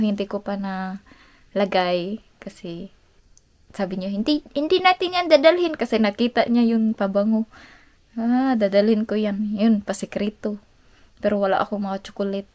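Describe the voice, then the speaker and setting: A woman from the Philippines, a vlogger chatting to her viewers and telling a story about her family. She talks in a chatty, animated way, laughs often and mixes in English. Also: mid-range voice.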